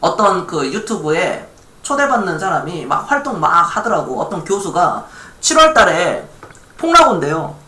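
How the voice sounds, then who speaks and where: A man from Gwangju chats casually on a live stock-investing stream and reads viewer chat aloud. His voice bounces up and down with a bright, forceful edge. The room rings with noticeable echo. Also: high-pitched, big pitch swings, normal speed. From Gwangju, South Korea.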